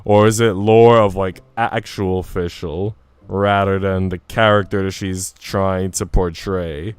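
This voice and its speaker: Speaking slowly with a deep, steady, smooth voice and no echo, a man chats casually with his livestream viewers and reads a visual novel aloud. He is informal, talkative and mildly profane, with soft music in the background.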